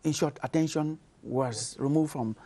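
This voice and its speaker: A man's voice: a little high, normal speed, mellow. A man from Cameroon hosting a studio panel discussion, leading the questions and affirming his guests. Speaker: host.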